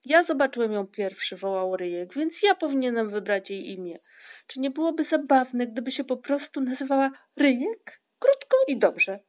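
A woman's voice: mid-range voice, moderate pace, gravelly, hardly any pauses, close to an everyday voice. A woman reading the part of Sniff, a small, greedy, boastful creature, in a storybook.

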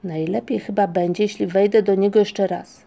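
A woman's voice: steady tone, normal speed, gravelly, mellow, highs cut off, close to an everyday voice. A woman voicing a young male troll child who sounds upset and pleading. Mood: thoughtful. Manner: high, pleading, distressed.

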